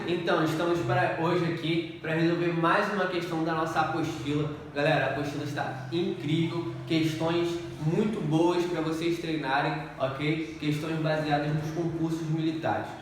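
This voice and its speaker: A male teacher giving an exam-prep grammar lesson, explaining step by step and often checking in with the class. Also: on the high side. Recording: echoey room, distant mic, faint noise.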